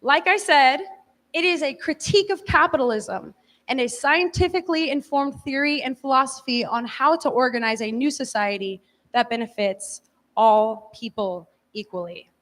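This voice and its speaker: A woman with a high, fairly bright voice gives an informal lecture to a class at normal speed. As the teacher, she's casual and hedging, often saying "like." The large hall is echoey, with long reverb.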